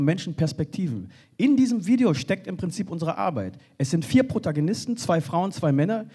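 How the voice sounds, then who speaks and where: Earnest man with a husky, mellow voice. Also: on the high side. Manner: earnest, halting, with restarts. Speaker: panel speaker for a refugee organization. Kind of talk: spoken panel contribution. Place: stage in a hall.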